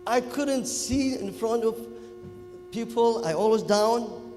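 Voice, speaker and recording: A man from Kuwait with a Gulf Arabic accent, a native Arabic speaker, giving an animated, informal interactive lecture to students and often checking in with them. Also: very high voice, slow. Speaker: public speaking workshop lecturer. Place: echoey event hall. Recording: echoey hall, music in the background.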